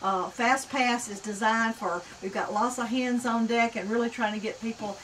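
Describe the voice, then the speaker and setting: Middle-aged woman, college president guest, articulate, a bit high, distant mic, faint noise. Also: fairly even intonation, moderate pace, a bit bright. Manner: articulate, promotional, with fillers. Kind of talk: casual interview chat. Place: outdoor patio set with garden.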